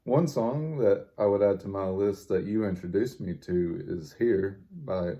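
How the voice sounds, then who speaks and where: A man's voice: fairly low pitch, a little slow, warm tone, dull audio. A man chatting casually with a friend, a little hesitant as he thinks aloud. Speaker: guest on a friend's food vlog. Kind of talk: casual chat about favorite music.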